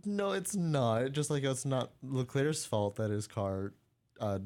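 A man's voice: mid-range voice, slow pace, darkish tone. A man co-hosting a casual sports podcast, joking and laughing as he rambles. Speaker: podcast co-host. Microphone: studio mic.

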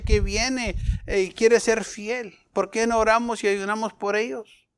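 A man preaching a sermon, asking his congregation questions and shifting between loud emphasis and softer passages. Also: high voice, clean tone. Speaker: pastor.

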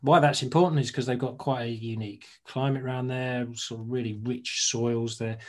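A man's voice: medium pitch, steady tone, moderate pace. A man co-hosting a casual drinks podcast, talking informally and tripping over foreign names. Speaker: podcast co-host. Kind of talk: casual chat about drinks tasting.

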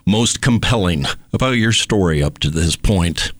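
A man hosting a casual radio interview in a studio, talking in a relaxed, friendly way with frequent hesitations. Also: sits low, normal speed, no room sound. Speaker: radio host.

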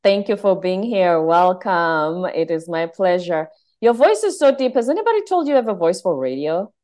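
A woman with a slightly low voice hosts a podcast. She presents and puts questions to her guest in a conversational interview style. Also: big pitch swings, normal speed, darkish tone. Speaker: podcast host.

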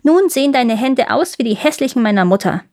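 A woman's voice: fairly high pitch, expressive, a little fast, darkish tone, voice pushed up. A fierce, bossy robber girl, put on by a woman reading a fairy tale aloud. She speaks in a raised, blunt and teasing way, like a wild child who likes to give orders.

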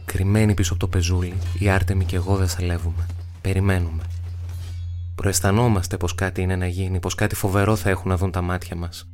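A male actor narrating a novel as an audiobook, measured, with dramatic pauses. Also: low voice, little pitch movement, a little mellow, faint music behind.

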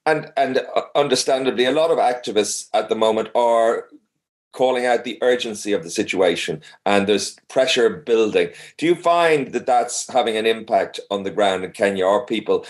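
A man interviewing someone conversationally, feeling his way through long questions with halting rephrasing. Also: on the low side.

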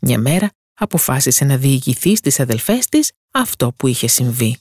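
Woman storyteller, lively fairy-tale narration, husky voice, dry close sound. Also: rumbling low, dry recording. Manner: lively, expressive reading.

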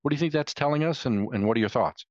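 A man's voice: medium pitch, racing, a little mellow, no room sound. A man with a mid-range voice hosts a podcast with prepared, orderly delivery. The sound is dry, with a slightly dull top end. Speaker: podcast host. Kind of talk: scripted podcast hosting.

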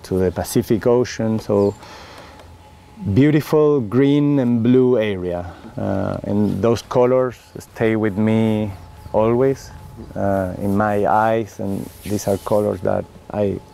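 The middle-aged Chilean winemaker in this oral history interview has a mellow, gravelly, fairly low voice and a Chilean Spanish accent. He talks very slowly and earnestly, often pausing on fillers and redoing phrases, with faint background noise underneath.

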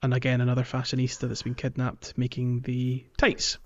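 In a relaxed chat walking through a game, this male podcast host speaks a little fast and in a monotone mid-range voice, explaining and steering things with questions. The lo-fi recording sounds slightly muffled.

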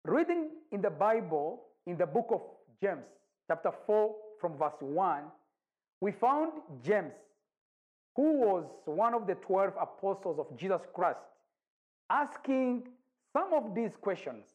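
A man, an evangelist giving a measured recorded sermon. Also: sits high, big pitch swings, a little mellow. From Rwanda. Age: 40s. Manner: measured, deliberate preaching with long pauses. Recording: dull lo-fi recording.

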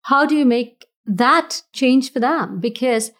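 Slow and a touch bright, this woman's high-sitting voice belongs to a business founder from Fiji. She's a guest on a relaxed interview, reflective and sincere, and she often restarts what she's saying.

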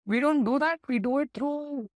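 A company executive with an Indian English accent answers business interview questions as a guest, explaining things in detail and sometimes correcting himself mid-sentence. His voice is very high-pitched and moderately paced. The recording carries no room sound.

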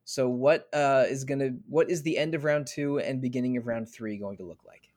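A man's voice: mid-range voice, fairly quick, a little mellow. A man hosting a casual podcast draft, calling on each player in turn and chatting between picks. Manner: moderating, calling on players by name. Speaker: host running a draft.

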